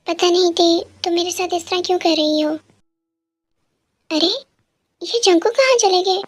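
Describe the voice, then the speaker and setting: Very high-voiced shy young woman storyteller. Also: measured pace, soft background music. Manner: shy, hesitant. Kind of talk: storytelling fan fiction with voices.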